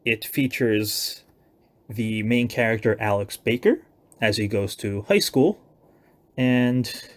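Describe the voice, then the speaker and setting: Speaking slowly in a lowish voice, this young man loosely runs through an announcement of his writing projects. He keeps it casual and hedges with self-deprecating remarks.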